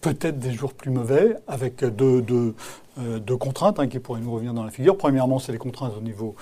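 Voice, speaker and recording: A man's voice: medium pitch, brisk, mellow. A man who is an economics columnist, answering interview questions, hesitant at first and then emphatic when he argues. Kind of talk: radio interview.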